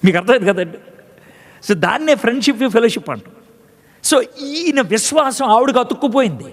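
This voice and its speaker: Lively high-voiced man preaching. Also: fairly quick, long reverb tail. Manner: conversational, acts out scripture dialogues, quizzes the congregation. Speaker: pastor. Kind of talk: sermon. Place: church.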